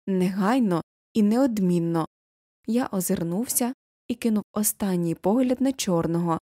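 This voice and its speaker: A woman narrating a children's novel as an audiobook, expressive, lifting her voice for the quoted characters. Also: mid-range voice, moderate pace, dry recording, clean studio sound.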